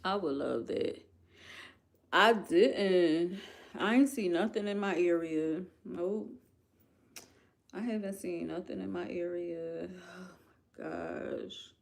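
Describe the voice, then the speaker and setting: A woman with a Philadelphia accent chatting casually to her viewers, animated and emphatic, repeating lines for effect. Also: lowish voice, slow pace, gravelly, pauses often. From United States. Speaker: vlogger. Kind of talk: casual chat to camera.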